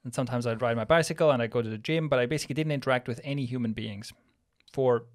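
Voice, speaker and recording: In a small studio room with a plant wall, a man from Switzerland in his thirties co-hosts a laid-back podcast. His medium-pitched voice moves very fast as he thinks aloud and restarts thoughts into a boom-arm studio mic, headphones on.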